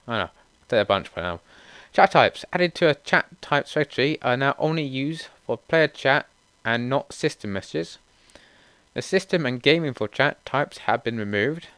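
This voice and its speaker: A young man reads a list of game update notes aloud, steady and matter-of-fact, with relaxed asides in between. His voice is smooth and clear, and the recording is dry and close with no room sound. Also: medium pitch, no room sound. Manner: steady read-through with casual asides. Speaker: gaming channel host. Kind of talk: reading out patch notes.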